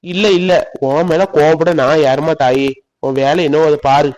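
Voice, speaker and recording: A man voicing a hurt, insistent young man in an animated village drama, with a sulky, pushy, coaxing way of talking. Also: on the high side, normal speed, dull audio, natural voice. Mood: sulking. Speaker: cartoon voice actor.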